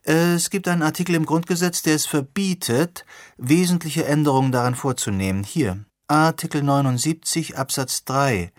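A man voicing an excited young woman who asks eager, probing questions. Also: a little high, moderate pace, no room sound, clean studio sound, voice pushed up, lightly acted.

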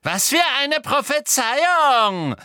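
A man's voice: sing-song, bright, forceful tone, smooth, no room sound, clean studio sound, exaggerated voice. A man voicing a cruel, fanatical witch who shrieks and drags out her words. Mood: mocking. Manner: shrill, drawn-out, screeching.

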